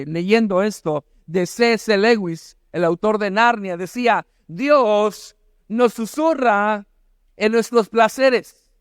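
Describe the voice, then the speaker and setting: A middle-aged male pastor preaching a sermon, emphatic, with rhetorical questions and bursts of shouted exhortation. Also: high-pitched, smooth, no room sound, studio quality.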